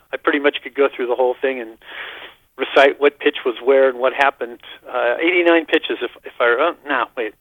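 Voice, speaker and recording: A man's voice: medium pitch, no room sound. An older man, a radio guest, telling baseball memories in an enthusiastic, rambling way over the phone. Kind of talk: casual radio chat. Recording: dull, lo-fi phone line.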